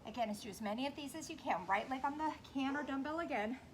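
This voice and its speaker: A woman leading a workout while exercising along, somewhat breathless, giving short form cues and steady encouragement. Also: sits high, fast talker, slight background noise. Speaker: fitness instructor leading a workout. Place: indoors on carpet.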